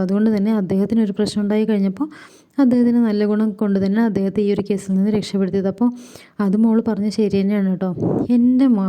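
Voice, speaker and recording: A woman's voice: mid-range voice, dark tone. A woman retelling a TV serial episode, reading the characters' lines within her story. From India. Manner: rapid storytelling, voicing characters' lines in quotes. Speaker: serial recap vlogger.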